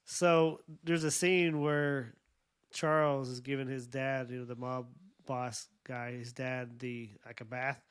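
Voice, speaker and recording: A man's voice: mid-range voice, little pitch movement, slow, clear, resonant tone. A man from Oklahoma co-hosting a casual TV review, making blunt, incredulous remarks. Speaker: podcast co-host. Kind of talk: casual TV episode review chat.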